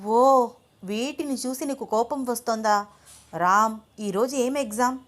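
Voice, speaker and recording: A woman's voice: fairly high pitch, a little slow, lightly acted. A woman voicing a headstrong young wife and student who answers back in a pouty, defiant way. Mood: protesting.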